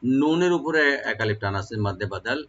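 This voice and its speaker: A man teaching the rules of Quran recitation, explaining each sound slowly and then chanting the verse in a long, melodic style. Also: medium pitch, expressive, a bit bright, highs cut off, slight background noise. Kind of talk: tajweed lesson with recitation.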